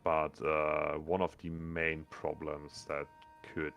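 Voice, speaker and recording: A man with a low, gravelly, sonorous voice running a tabletop game as game master, rambling with many fillers. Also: monotone, takes it slowly, a bit bright, slight background noise.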